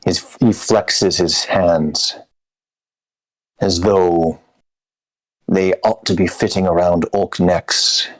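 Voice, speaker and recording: A man telling an in-character story as a tabletop game player, in a deliberate, wry, theatrical way. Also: low voice, steady tone, low-quality recording.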